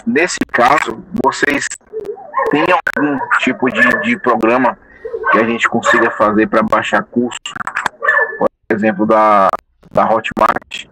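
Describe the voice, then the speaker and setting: A man calls into a live class from behind the wheel, his voice coming through a Bluetooth headset mic on speakerphone. Loud road and line noise sits under every word. He circles his question slowly, restarting and repeating small words as he goes. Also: fairly low pitch, creaky. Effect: heard through a Bluetooth headset mic on speakerphone. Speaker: student asking a question in a live online class. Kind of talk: casual spoken question. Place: in a car while driving.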